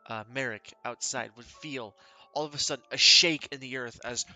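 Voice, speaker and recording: A man narrating a tabletop game as game master, describing action in a loud, energetic way. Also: mid-range voice, moderate pace, soft background music.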